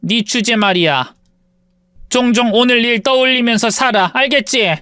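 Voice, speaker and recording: A woman's voice: moderate pace, dry recording, natural voice. A woman voicing an arrogant, spiteful rich middle-aged woman who bullies and insults in an audio story, in a dry close recording. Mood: smug. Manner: sneering, insulting, shrill when shouting.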